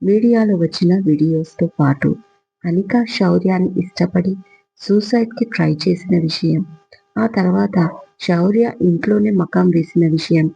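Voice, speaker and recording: High, gravelly male storyteller. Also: mellow, dull audio. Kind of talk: audio story narration.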